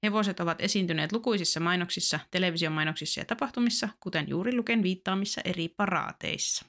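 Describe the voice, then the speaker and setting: A Finnish woman with a lowish voice co-hosts a relaxed podcast. She reads trivia recaps and laughs readily, filling gaps with quick agreements. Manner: laughs often, affirming interjections. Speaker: podcast co-host. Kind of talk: casual podcast chat and read-aloud recap.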